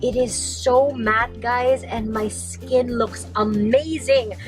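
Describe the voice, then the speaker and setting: Chatty young woman from the philippines doing a beauty vlog, kinda high voice, handheld cam at home. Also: fairly even intonation, slow pace, faint music behind, low-quality recording. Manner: bubbly and chatty. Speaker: beauty vlogger. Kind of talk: casual vlog chat to camera. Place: in a car, then at home. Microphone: handheld camera.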